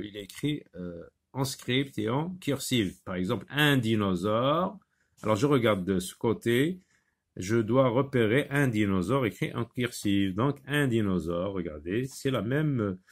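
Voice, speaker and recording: A man leads a phonics lesson at an unhurried pace. His pitch rises and falls a lot as he stresses each word, and he sounds out syllables slowly and repeats them. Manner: slow, careful, repeats words and syllables aloud. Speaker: teacher. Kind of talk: French phonics lesson with Arabic explanations.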